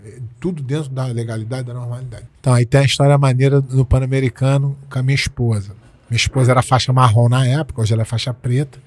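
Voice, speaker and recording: A man's voice: mid-range voice, fairly even intonation, quick pace, darkish tone. A Brazilian man in his forties, a jiu-jitsu coach telling stories in a casual interview, emphatic and repeating his points with slangy speech. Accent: Brazilian Portuguese.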